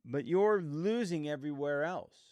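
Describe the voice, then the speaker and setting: A man's voice: fairly high pitch, expressive, moderate pace, darkish tone, clean tone, dry recording. A man in his fifties hosting a reflective motivational monologue, earnest and emphatic, repeating points and asking rhetorical questions. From United States. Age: 50s. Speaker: podcast host.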